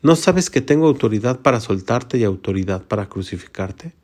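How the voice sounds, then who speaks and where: A man's voice: medium pitch, expressive, a little fast, a little mellow, close to an everyday voice. Pilate, a man reading as a stern Roman governor.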